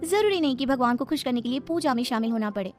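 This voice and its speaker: Breezy fashionable young bride. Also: female voice, high-pitched, expressive, quick pace, soft background music. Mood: teasing. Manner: breezy, sprinkles English words. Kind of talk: animated storybook voice acting.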